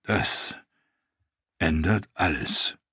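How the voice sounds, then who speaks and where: A grave old knight, quiet and serious, voiced by a male reader. The voice is lower than the reader's usual delivery and recorded dry and close. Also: expressive, drawn-out words, breathy edge, no echo, full character voice.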